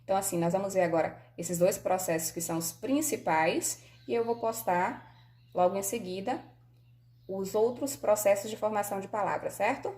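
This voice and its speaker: A woman's voice: medium pitch, moderate pace, darkish tone. A woman with a Brazilian Portuguese accent teaching a grammar lesson on video, explaining patiently and often checking in with her students.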